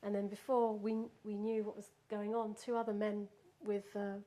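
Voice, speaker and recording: A woman's voice: medium pitch, flat delivery, normal speed, dark tone. A woman recounting a personal experience in casual spoken storytelling, laughing often and restarting her sentences.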